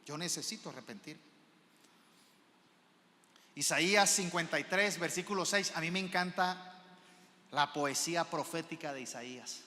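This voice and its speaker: A male pastor preaching a sermon in a church, asking the congregation questions and swinging between soft and loud. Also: on the high side, moderate pace, long pauses. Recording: reverb of a large church hall.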